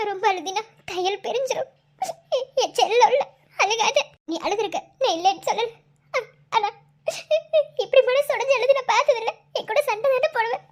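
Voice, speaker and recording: A woman's voice: very high-pitched, a little mellow. A woman voicing a devoted, fierce young wife in an amateur cartoon, with a Madurai Tamil accent and a soothing, coaxing way of talking.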